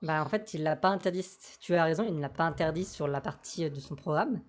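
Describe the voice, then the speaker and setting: A man speaking through a voice changer, patiently explaining a political programme point by point in a casual debate. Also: quick pace. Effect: voice changer, altered pitch. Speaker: political activist guest.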